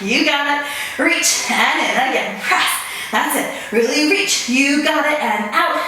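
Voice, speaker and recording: A middle-aged woman runs a home interval workout class from a small home gym, coaching with short, rhythmic, encouraging commands in the style of a swim coach. Her high voice is bright and pushed, yet she doesn't hurry. Heard from a distant mic, the sound carries heavy room echo and faint noise.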